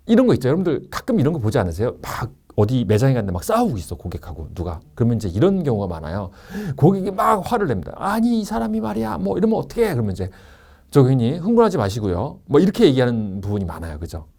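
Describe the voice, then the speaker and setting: A middle-aged man lectures on handling customers, his voice mellow and dark. His pitch swings widely as he acts out quick customer and staff exchanges. The delivery is animated and conversational. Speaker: sales trainer and lecturer. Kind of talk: online course lecture.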